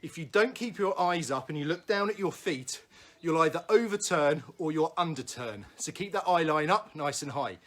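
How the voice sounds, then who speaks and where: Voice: medium pitch, lively intonation, moderate pace, fairly bright tone. Patient stage combat instructor calling drills. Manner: patient, reassuring, explains step by step with light laughs. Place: room at home during lockdown. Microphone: camera in front of a standing speaker.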